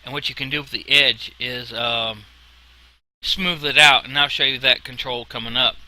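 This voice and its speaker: A man giving an informal software tutorial in a casual, folksy way, with a whistle on his s sounds. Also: medium pitch, steady tone, normal speed, poor audio. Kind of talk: informal screen-recorded tutorial narration.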